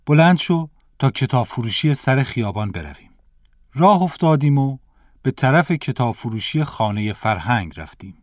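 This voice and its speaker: A man's voice: medium pitch, darkish tone, no echo, studio quality. Man reading a school lesson aloud. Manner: measured, careful reading aloud. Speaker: narrator reading a textbook lesson. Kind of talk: scripted storybook narration.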